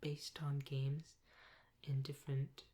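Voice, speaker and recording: A woman softly whispering a role-play as a helpful, patient librarian, breathy and gentle, close to a binaural microphone. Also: very deep voice, completely flat delivery. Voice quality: soft-spoken, breathy, often whispered. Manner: gentle, unhurried customer-service talk with pauses. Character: helpful, patient female librarian serving a patron. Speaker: ASMR performer playing a librarian. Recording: close binaural mic with clear hiss.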